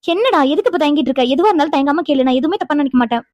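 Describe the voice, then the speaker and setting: An emotional young older-sister figure in a cartoon speaks earnestly. Her voice is high and quick, and the recording is dry. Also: lively intonation, a little mellow, dry recording, lo-fi sound. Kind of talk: animated cartoon dialogue.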